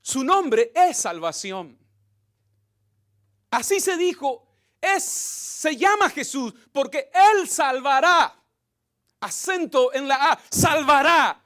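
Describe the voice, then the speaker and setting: High-voiced impassioned male preacher. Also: very animated, takes it slowly, pauses often. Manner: impassioned preaching, swinging between shouts and whispers; repeats phrases for emphasis. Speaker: pastor. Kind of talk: sermon.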